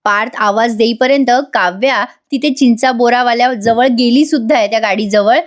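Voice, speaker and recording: High-voiced woman recapping a serial. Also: normal speed. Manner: animated retelling, acts out character lines. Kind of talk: voice-over episode recap.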